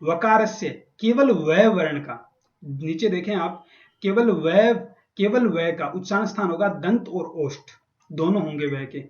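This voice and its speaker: A man's voice: high voice, expressive, a little slow, a little mellow. A man teaching Sanskrit grammar in a lecture, patiently repeating and spelling out sounds. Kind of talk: classroom lecture explaining grammar. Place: college classroom. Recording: echoey dull classroom recording.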